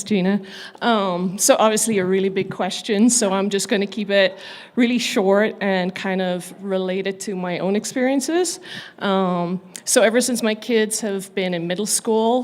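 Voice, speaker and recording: A middle-aged woman from Ireland answering on a live panel. She talks at a mid pitch and explains things in a measured, careful way. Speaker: panel guest, physician.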